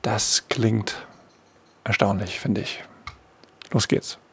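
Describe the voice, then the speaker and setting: Man, middle-aged, gravelly, dry close sound, informal explanatory monologue, hesitant wry asides. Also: lowish voice, level tone, takes it slowly, a bit bright, no room sound. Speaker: host of a monthly sound feature.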